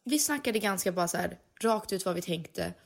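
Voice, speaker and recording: A woman's voice: mid-range voice, animated. A woman co-hosting a podcast in casual chat, who mixes English phrases into her talk and gives friendly advice. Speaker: podcast co-host.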